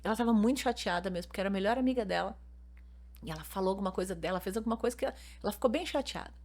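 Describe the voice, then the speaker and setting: A woman's voice: medium pitch, racing. A woman pastor with a Brazilian Portuguese accent, a mother, talking casually on a podcast and explaining through stories she retells. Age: adult mother. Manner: earnest, explains with lively retold anecdotes. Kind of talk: casual podcast conversation with storytelling.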